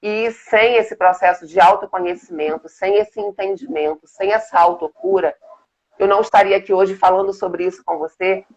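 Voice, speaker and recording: A woman's voice: mid-range voice, fairly even intonation, normal speed, a little mellow. Earnest Brazilian woman guest, muffled call. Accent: Brazilian Portuguese. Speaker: guest, business mentor. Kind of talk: casual interview chat.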